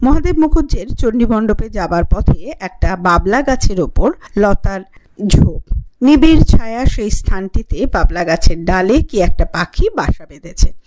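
A woman's voice: medium pitch, expressive, a little mellow, slight background noise. Woman reading a literary audiobook. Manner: measured, clear reading, announcing page numbers. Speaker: audiobook narrator.

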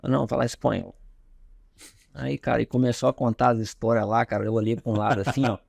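A man, a podcast guest recounting a story in a relaxed, chatty way. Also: medium pitch, fast, gravelly, no echo, studio quality. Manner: relaxed, chatty, says "cara" often. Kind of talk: casual storytelling interview.

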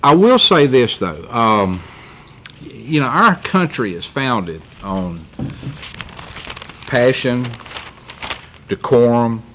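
A man's voice: mid-range voice, big pitch swings, slow pace, pauses often, fairly bright tone, slight background noise. A middle-aged man, a county commissioner speaking candidly and rambling a bit in a meeting chamber. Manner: candid, rambling, self-correcting storyteller. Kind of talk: public meeting remarks.

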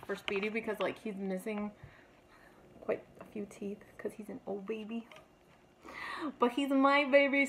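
A woman's voice: mid-range voice, noisy background. A woman chatting casually in a home vlog, playfully baby-talking to her dog at a table. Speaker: vlogger, dog owner.

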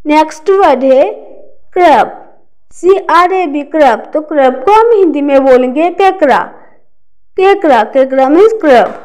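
A woman teaching children a vocabulary lesson, spelling each word slowly letter by letter. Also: sits high, expressive, dark tone, poor audio. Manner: slow, deliberate spelling of words letter by letter.

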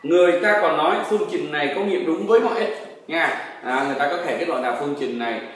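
A man's voice: fairly high pitch, lively intonation, fast talker. Man, math teacher, coaxing tag questions, distant mic, echoey room, faint hiss. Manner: coaxing, checks understanding with frequent tag questions. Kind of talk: explaining a textbook lesson.

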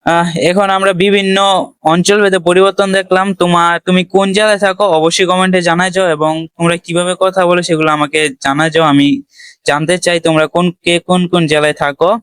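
A man's voice: high voice, level tone, fast, fairly bright tone, smooth, dry recording. A male teacher going through exam answers for schoolchildren, asking questions and answering them himself. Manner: talks students through answers, asks and answers his own questions. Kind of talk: exam-prep lesson for schoolchildren.

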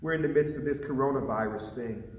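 A man's voice: mid-range voice, fast talker. A man, an associate pastor, preaching a sermon with passion and putting questions to his listeners, recorded in a church sanctuary. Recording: echoey hall, voice from a distance.

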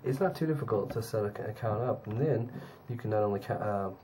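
A young man talking to his own camera in a casual daily vlog, rambling with fillers, hoarse and tired from a cold. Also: fast, dark tone, a little hiss or hum. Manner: low-key, rambling with fillers. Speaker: vlogger.

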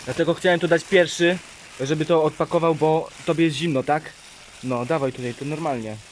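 Higher-voiced man hosting a vlog, teasing and pushy, some faint background noise. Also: fairly even intonation, a little fast. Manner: teasing, pushy, laughs a lot. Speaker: vlogger hosting. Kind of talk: casual chat.

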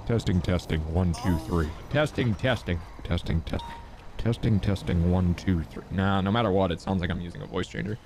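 A man speaks through a deep pitch-shifted voice that sounds like a voice changer. He counts and repeats test words flatly. Game noise sits clearly under his voice. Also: fairly quick. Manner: flat, repetitive counting. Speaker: roleplay streamer playing a police officer.

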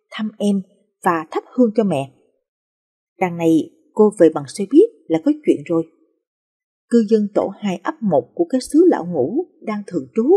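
Give me a woman with a warm, mellow, breathy voice narrating touching life stories. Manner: soft, emotional storytelling with lively pitch. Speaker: storyteller.

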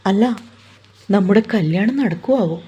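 A woman voicing a shy, anxious young woman in a storybook romance, speaking hesitantly and softly with a husky voice. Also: medium pitch, unhurried, highs cut off. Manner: hesitant, pleading, soft.

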